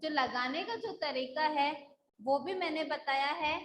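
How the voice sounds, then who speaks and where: A woman's voice: high voice, unhurried, echoey room, slight background noise, poor audio. A woman school teacher taking a live online class, patiently drilling syllables and checking that the students follow.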